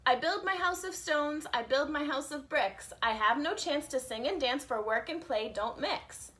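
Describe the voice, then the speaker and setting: Woman as an earnest hard-working little pig, bright-voiced. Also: high voice, lively intonation, normal speed, voice pushed up. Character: sober, hard-working young male little pig, storybook.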